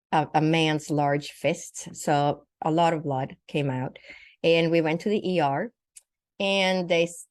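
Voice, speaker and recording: A deep, slightly mellow voice belongs to an older woman from Sweden, a naturopathic doctor and spiritual teacher, who shares a vivid, detailed personal story with acted-out quotes as an interview guest. The studio-quality recording has no room sound.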